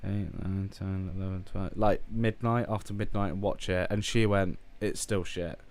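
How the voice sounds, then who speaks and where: A man's voice: low-pitched, flat delivery, normal speed, darkish tone. A hungover man from the UK, streaming casual film commentary, blunt and profane as he rambles through his rankings. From United Kingdom.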